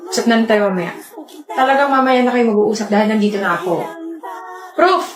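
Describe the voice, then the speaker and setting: A woman's voice: fairly high pitch, fast talker, crowd noise. Young woman in an echoey room. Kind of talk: comedy skit acting.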